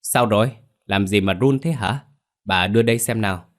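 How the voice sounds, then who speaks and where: A man's voice: on the low side, moderate pace, lightly acted. A man voicing a brusque older father who talks bluntly to his wife. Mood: impatient.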